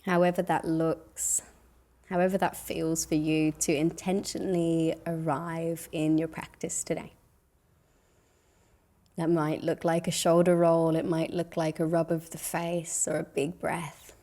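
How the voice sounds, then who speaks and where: A woman with a deep voice and little pitch movement leads a guided meditation. She is soothing, gentle and unhurried, leaving long pauses between phrases.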